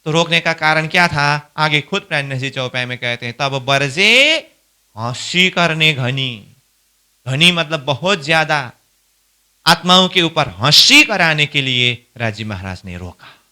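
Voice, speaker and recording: A man with a high, very bright and sharp voice leads a devotional scripture class at an unhurried pace. He explains each verse by asking questions and then answering them himself, his tone smooth and crisp throughout. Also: lively intonation. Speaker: spiritual instructor.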